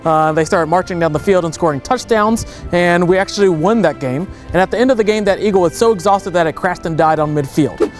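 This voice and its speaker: A young man talks quickly in a fairly high voice, explaining in an anecdotal way as a raptor center educator. He is recorded outdoors on a field, with faint music beneath. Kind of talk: informative interview answers.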